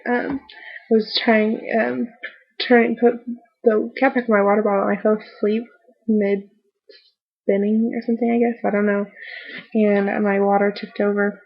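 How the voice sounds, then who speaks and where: Woman, post-surgery fatigue, husky, creaky, rambling casual diary, hesitant phrasing, slightly lo-fi audio. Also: mid-range voice, level tone. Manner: halting, trailing off mid-thought. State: tired and sore after recent surgery. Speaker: vlogger giving a post-surgery update.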